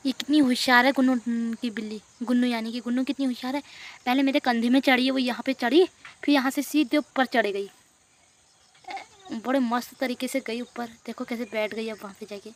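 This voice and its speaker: A woman's voice: a little high, fairly even intonation, brisk. A young woman from the hills of Uttarakhand vlogging casually about her village day while she has a cold and a sore throat. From Uttarakhand hills, India. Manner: chatty, talks to her viewers and coos at her cats. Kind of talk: casual vlog chat.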